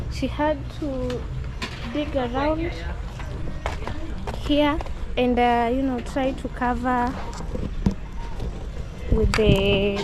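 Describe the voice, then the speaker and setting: Heavy background noise surrounds this Kenyan woman's fairly high voice as she casually narrates a vlog outdoors, filming a family shop kitchen belonging to a relative and sprinkling her explanations with "you know".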